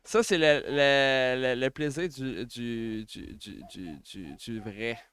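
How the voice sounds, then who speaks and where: A livestream host with a Quebec French accent and a mid-range voice broadcasts casually from home. The tone is clean, and he gets excitable, exclaiming and joking often.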